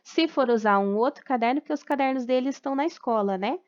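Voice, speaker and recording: With a smooth, high voice and lo-fi sound, a Brazilian Portuguese-speaking primary school teacher records a homework correction for parents from home during quarantine. Patient and explanatory, she checks in often and dictates words slowly, one syllable at a time.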